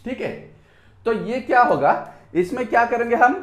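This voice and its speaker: A man with an Indian accent teaching an English grammar lesson at a whiteboard, saying words slowly and repeating them, switching between Hindi and English. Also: extremely high pitch, lively intonation. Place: room with a whiteboard. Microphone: phone on a tripod. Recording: echoey room.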